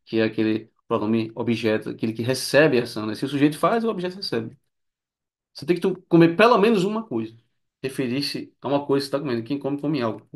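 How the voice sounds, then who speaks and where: Male English tutor, Portuguese native, casual explanatory delivery, mid pitch. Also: quick pace. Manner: chatty, frequent "né?" tag questions, lively swings in pitch. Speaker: English teacher. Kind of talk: explaining grammar lesson.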